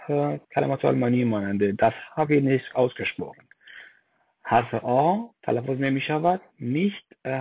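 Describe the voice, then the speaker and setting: A man teaching German pronunciation slide by slide, explaining slowly and spelling out vowels one by one with hesitant fillers. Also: mid-range voice, gravelly, slightly rough, no room sound. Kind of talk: slide-based language lesson. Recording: dry, phone-like lo-fi voice-over.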